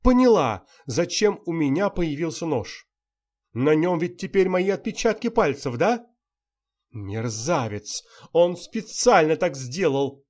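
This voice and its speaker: A man's voice: fairly high pitch, very animated, a little slow, darkish tone, pitched above the performer's own voice. A man voicing a frightened young actress who pleads breathlessly, near tears. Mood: panicked pleading.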